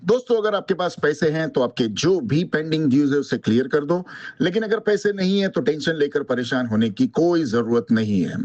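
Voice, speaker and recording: A man's voice: a little high, expressive, brisk, darkish tone, muffled recording. A man hosting a consumer-advice channel, giving an upbeat, promotional scripted intro. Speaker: channel host.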